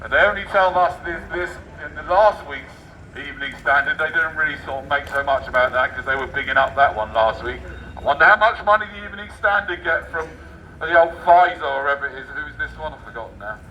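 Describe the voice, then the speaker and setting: Outdoors on a public street, a high-voiced Englishman reads a newspaper aloud as a street performer, his tone very bright and cutting. He declaims sarcastically and briskly, ad-libbing and dropping into muttered asides. The distant mic cuts off the highs and picks up faint traffic.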